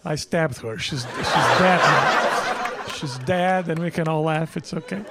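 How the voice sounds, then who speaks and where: A Brazilian man, a native Portuguese speaker, does stand-up at a live comedy show, repeating his lines emphatically and swearing freely in a fairly high, unhurried voice. The recording is very noisy, with loud noise and audience laughter behind him.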